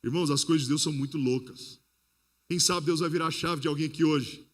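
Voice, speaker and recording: A Brazilian man preaches to a congregation in a fairly high voice. His sermon is lively, he speaks straight to the listeners, and he acts out the people in his stories. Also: quick pace. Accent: Brazilian Portuguese. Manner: storytelling that acts out the people it quotes. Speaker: pastor.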